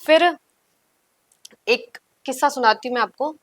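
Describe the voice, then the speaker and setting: Brief: higher-pitched woman guest, animated storyteller, dry close sound. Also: a little slow, no echo. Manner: vivid storytelling, acting out her own past lines. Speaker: guest singer. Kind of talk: podcast storytelling.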